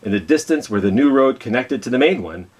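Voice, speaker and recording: Here a storytime host gives an expressive picture-book reading, acting out the story and posing questions to the children listening. He speaks fairly quickly in a husky, mid-range voice full of expression.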